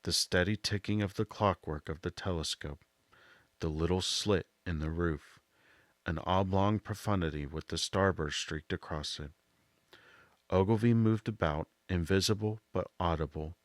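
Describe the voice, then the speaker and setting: A man narrating a literary audiobook in a soft voice, with a measured, deliberate delivery. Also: low-pitched, dry recording.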